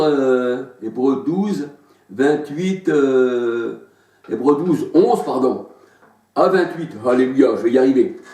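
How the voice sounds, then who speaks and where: A man preaching a sermon, halting as he searches for Bible verses and dropping in frequent hallelujahs. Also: fairly high pitch, mellow. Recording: echoey room, voice far from mic.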